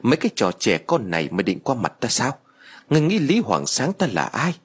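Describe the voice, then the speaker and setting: A man's voice: medium pitch, huge pitch swings, brisk, breathy edge. A man voicing a stern, boastful male exorcist who barks orders. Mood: scornful. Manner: commanding, boastful. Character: stern arrogant male exorcist master, middle-aged.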